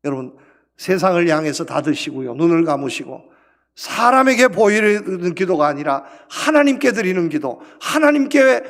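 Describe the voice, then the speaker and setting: Male pastor, high and lively delivery, rhetorical sermon style, gravelly edge, reverberant sanctuary. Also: moderate pace. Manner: preaching with rhetorical questions, rising and falling emphasis. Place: church sanctuary. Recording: long hall reverb.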